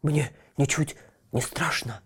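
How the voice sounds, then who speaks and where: A woman's voice: a bass voice, a little slow, breathy edge, full character voice. A woman voicing a loyal male dog who is out of breath and trying to sound brave, in a whispered role-play for a children's audio tale. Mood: timid devotion.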